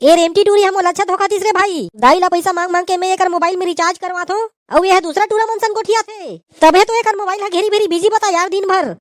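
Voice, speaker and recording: A woman's voice: very high-pitched, fast talker, hardly any pauses, no echo, studio quality. A woman voicing a whiny, lovesick young village man in a cartoon, with a Chhattisgarhi accent and a pleading, complaining way of talking. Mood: heartbroken. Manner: pleading and whining. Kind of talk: cartoon voice acting.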